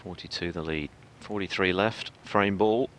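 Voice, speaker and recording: A man giving live snooker commentary in a measured, analytical manner. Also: sits low, a bit bright, slight background noise.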